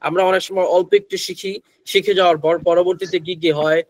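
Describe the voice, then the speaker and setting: A high, level-toned male voice moves quickly through an online pronunciation lesson, with no room sound and low recording quality. The teacher has a Bangladeshi accent, mixes Bengali into his English, and repeatedly asks his students questions.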